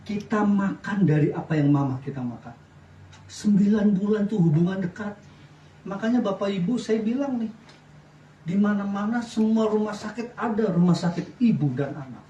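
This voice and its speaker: A middle-aged man preaching a sermon as pastor, lively, often asking the congregation questions. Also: sits high, normal speed, muffled recording, a little hiss or hum. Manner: lively preaching with wide swings in loudness, asks the congregation questions. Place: church. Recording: echoey church sound from a distance.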